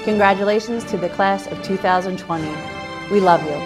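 A woman slowly reads out graduates' names at a ceremony, sounding distant. Loud music plays beneath her voice. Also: medium pitch. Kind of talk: slow name reading over music.

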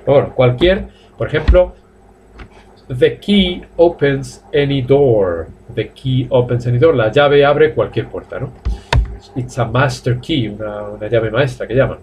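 A man from Spain with a Spanish accent, teaching a live online English class, explaining in Spanish and modelling slow drill sentences in English. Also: mid-range voice, a little mellow, slight background noise. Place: language academy classroom.

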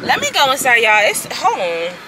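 Here a woman with a high voice and wildly swooping pitch vlogs at a moderate pace, chatting to the camera and addressing everyone as y'all. She's a lifestyle vlogger, and her outdoor camera audio carries a lot of noise.

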